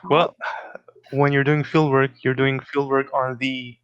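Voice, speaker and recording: A man's voice: medium pitch, flat delivery, a little slow, a bit bright, smooth, highs cut off. A man giving a casual explanatory talk on linguistics, thinking aloud and correcting himself as he goes. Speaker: linguistics presenter.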